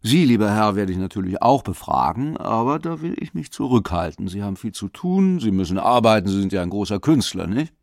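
A man voicing a pushy, prying older investigator who talks fast and insistently. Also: lowish voice, sing-song, vocal fry, a little mellow, no room sound, clean studio sound.

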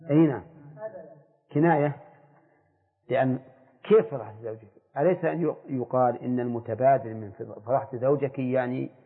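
A man's voice: medium pitch, slightly rough, narrow, tinny audio. Older man lecturing on an old echoey tape. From Saudi Arabia. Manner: questions the students, explains slowly. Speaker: sheikh teaching jurisprudence. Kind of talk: classroom lecture on fiqh.

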